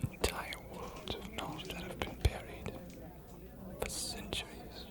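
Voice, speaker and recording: Using her natural voice, a woman portrays a learned vampire archivist of great age for an ASMR fantasy roleplay. Her delivery is quiet and measured, broken by heavy pauses, both enigmatic and welcoming, with an earnest, hushed feel.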